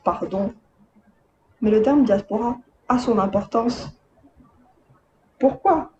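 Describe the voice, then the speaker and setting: A woman from Madagascar, raised in Côte d'Ivoire and France, gives casual commentary to her viewers as a video essayist, full of chatty, wry, slangy asides. Her voice is on the high side and a little mellow, and she takes it slowly; the recording is muffled with slight background noise.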